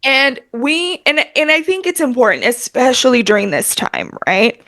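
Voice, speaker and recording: Woman podcast co-host, fairly high voice, chatty, animated, lots of filler words. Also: moderate pace. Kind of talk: casual chat.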